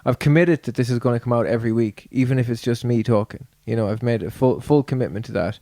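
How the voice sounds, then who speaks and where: A man hosting a casual podcast, his voice sitting in a middle pitch. He talks hesitantly, stumbling and restarting his phrases, in a dry, close room. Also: quick pace, mellow, no room sound. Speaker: podcast host. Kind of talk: casual chat.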